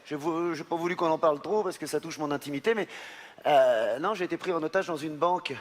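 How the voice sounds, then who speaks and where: A man's voice: on the high side, a little fast, long reverb tail. A man from France hosting a comedy show, joking with the audience in a playful, self-mocking way with hesitant fillers. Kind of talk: stand-up comedy on stage. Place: large theatre stage with audience.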